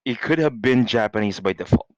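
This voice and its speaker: A man's voice: medium pitch, animated, a little fast, dry recording, muffled recording. A man co-hosting a podcast in casual chat, joking and laughing often. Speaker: podcast co-host.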